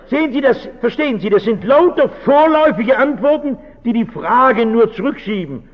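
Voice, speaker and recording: High-voiced pastor in a reverberant hall. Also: male voice, lively intonation, moderate pace. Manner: earnest, keeps asking rhetorical questions. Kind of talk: reflective talk to an audience. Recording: dull recording with long hall reverb.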